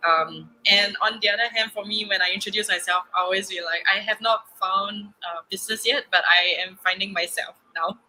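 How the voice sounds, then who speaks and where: A woman's voice: medium pitch, steady tone, a little fast, hardly any pauses, bright, forceful tone, faint music behind, poor audio. A young woman from Singapore, a podcast guest, talking in a chatty way with lots of fillers and restarts and frequent laughs. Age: young adult. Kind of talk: casual interview.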